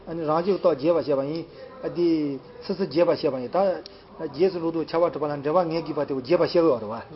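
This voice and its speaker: High-voiced man rambling on a lo-fi recording. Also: fast. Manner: rambling, repetitive, many fillers. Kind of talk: casual chat. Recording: dull lo-fi recording.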